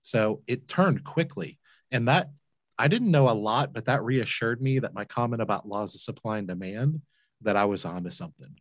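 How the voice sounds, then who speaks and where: A man's voice: on the low side, lively intonation, moderate pace, no echo. A man in his forties, a business owner telling his story as a guest on a video call interview, earnest and emphatic, repeating words when moved. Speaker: guest, laundromat entrepreneur. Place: home room, indoors. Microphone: large desk mic with headphones, video call.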